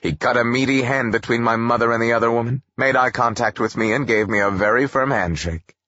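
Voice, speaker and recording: A man narrating a first-person audiobook in a wry, expressive storytelling manner. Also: mid-range voice, fairly quick, no room sound, muffled recording.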